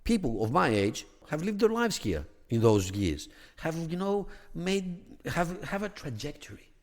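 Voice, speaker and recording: Raised in Greece, a theology academic appears as a podcast guest and thoughtfully explains religious history in a conversational way, restarting often, saying "you know" a lot, and rising in emphasis on key points. His voice is on the high side, slightly slow and mellow, with big pitch swings, and it sounds like a big room.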